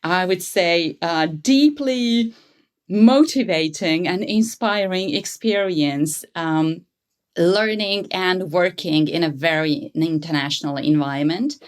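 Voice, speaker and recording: Woman, Hungarian accent, lower voice, thoughtful, frequent ums, interview guest. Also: takes it slowly. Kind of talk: conversational interview answers.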